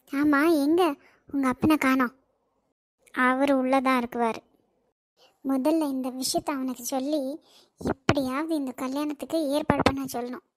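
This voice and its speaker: Bossy middle-aged auntie done by a woman, high and dry, kanyakumari tamil accent. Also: no echo. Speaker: cartoon character.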